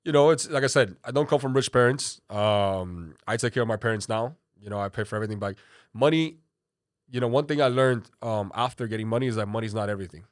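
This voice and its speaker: A man's voice: lowish voice, quick pace, no echo. Cuban-born man in his thirties, dry-sounding. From Cuba. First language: Spanish. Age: 30s. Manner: rambling, lots of "you know" and "like". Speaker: podcast guest, trader. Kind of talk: casual interview talk.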